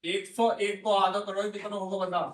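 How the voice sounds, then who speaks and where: A man's voice: high voice, flat delivery, normal speed, a little hiss or hum. A man with a teaching a maths class, quizzing students and repeating their answers. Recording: echoey room, voice from far off mic.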